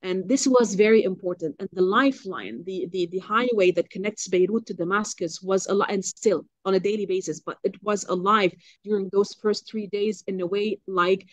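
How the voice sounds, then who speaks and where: A woman from Lebanon talks as a guest journalist, with a middle pitch and a passionate, halting delivery. She often restarts her sentences and uses fillers. The recording is dry, with almost no room echo. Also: muffled recording. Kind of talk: interview on a call.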